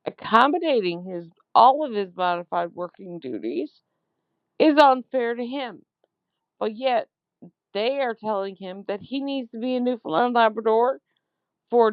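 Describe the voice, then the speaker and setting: A woman leaving a long complaint voicemail, speaking in an accusatory, emphatic and halting way, repeating words for stress. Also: on the high side, dry recording. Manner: slow, deliberate, halting phrasing. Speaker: caller. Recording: dull lo-fi voicemail phone recording.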